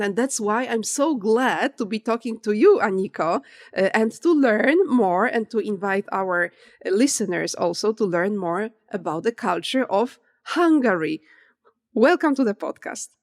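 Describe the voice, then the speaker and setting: A woman from Poland with a Polish accent, hosting a podcast with a measured, deliberate delivery. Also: medium pitch, animated. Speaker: podcast host. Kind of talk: scripted intro and interview questions.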